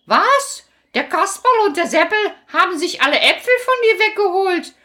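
A woman voicing a kind, fussy old grandmother who scolds gently in a children's story. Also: extremely high pitch, very animated, moderate pace, voice pushed up, full character voice. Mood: delighted.

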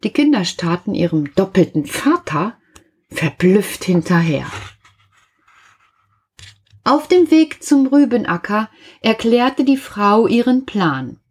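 A woman reads a storybook aloud to children. She speaks slowly with a soft, breathy tone. Her pitch swings widely as she brings the tale to life. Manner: gentle, animated storytelling addressed to children.

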